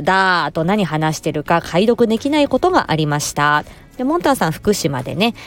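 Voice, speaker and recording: A woman hosting a casual podcast, politely reading out listener comments in a gentle way, often pausing on filler words and sounding tired after work. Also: on the low side. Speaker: podcast host.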